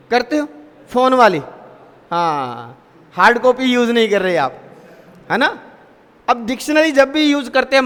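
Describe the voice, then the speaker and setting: A man's voice: extremely high pitch, fairly bright tone, smooth, long reverb tail. A male teacher giving a classroom grammar lesson, asking students questions and repeating the answers.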